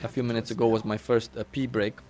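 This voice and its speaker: A man's voice: mid-range voice, level tone, fast talker, darkish tone, slight background noise. A man live-streaming a video game, chatting casually and rambling with many fillers and restarts while he eats. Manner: rambling, full of fillers and restarts, talking with his mouth full. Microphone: desk mic.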